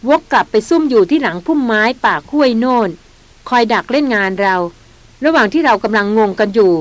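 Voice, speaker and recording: A woman reading the part of a seasoned male big-game hunter, measured and decisive. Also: a little high, lively intonation, no room sound, natural voice. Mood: explaining.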